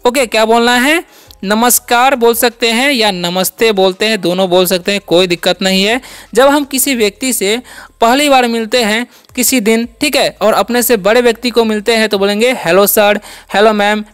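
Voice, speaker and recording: A patient English teacher who spells out short words letter by letter. Each point is repeated, and the teacher asks a question and answers it right away. The voice is smooth and clear, in the middle of the pitch range. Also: moderate pace, a bit bright. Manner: repeats each word for drilling. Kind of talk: step-by-step spelling and pronunciation lesson.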